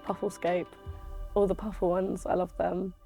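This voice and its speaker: Young woman from eastbourne, low and gravelly, warm dark tone, joking around. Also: level tone, moderate pace, soft background music. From Eastbourne, England. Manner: candid, joking. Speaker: interviewee. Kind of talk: documentary interview.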